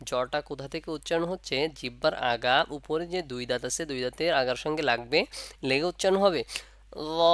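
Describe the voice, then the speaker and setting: A man's voice: a little high, a bit bright, smooth, dry recording. Patient man teaching letters. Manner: patient, repeats questions and answers them himself; draws out letter sounds in slow demonstration. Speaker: Quran reading teacher. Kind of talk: step-by-step lesson.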